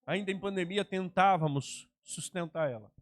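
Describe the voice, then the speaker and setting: A man, a pastor preaching a personal testimony sermon, acting out dialogue and swinging between loud outbursts and hushed lines. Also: high-pitched, moderate pace. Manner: dramatic, acts out dialogue, swings from shouting to hushed.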